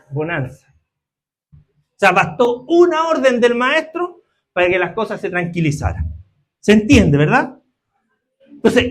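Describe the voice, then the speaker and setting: High-voiced preacher checking in with listeners. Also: male voice, fairly bright tone. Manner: keeps asking the congregation for agreement. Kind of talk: sermon.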